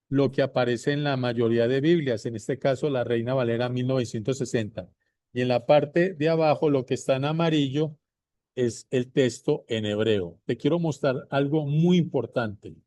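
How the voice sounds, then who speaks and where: Male Bible teacher, unhurried and repetitive, dark mellow tone, dry close sound. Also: mid-range voice, dry recording. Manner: repeats points slowly, addresses viewers directly. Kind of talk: slow deliberate bible teaching.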